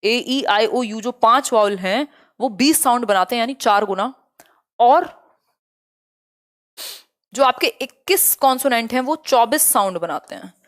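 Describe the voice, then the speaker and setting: A young woman teaching an online exam-prep lecture, brisk and chatty, mixing in English terms. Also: on the high side, animated.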